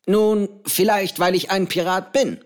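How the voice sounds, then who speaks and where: A man's voice: high voice, steady tone, unhurried, pitched above the performer's own voice. A male narrator voicing a jolly, eccentric old pirate who cooks on an island, speaking with a hearty manner. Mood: jovial.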